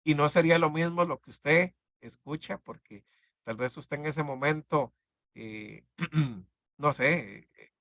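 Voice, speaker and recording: A man teaches a discipleship class in an easy, halting way, often restarting his sentences. His voice is bright and forward. The sound is dry and close. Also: fairly high pitch, dry recording. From Costa Rica. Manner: halting, many fillers and restarts, conversational.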